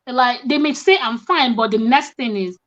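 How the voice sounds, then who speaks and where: A woman's voice: fairly high pitch, moderate pace, a bit bright, low-quality recording. A young woman from Africa, a coach, telling stories animatedly in casual conversation and acting out both sides of the exchanges. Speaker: guest coach.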